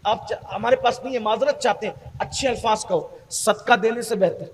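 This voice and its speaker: A man with a very high voice preaches with passion, now and then acting out the people in his stories. His voice rings with a long hall echo. The delivery is forceful and sermon-like. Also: a little hiss or hum. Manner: impassioned, preachy, acts out quoted voices. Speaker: Islamic preacher. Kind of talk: sermon-style speech.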